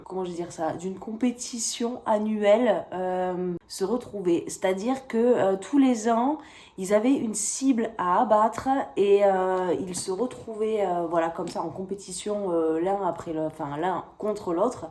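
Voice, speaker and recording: A woman's voice: medium pitch, dark tone. A woman reviewing a book in a chatty, hesitant way, talking straight to the viewer. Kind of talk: casual book review chat.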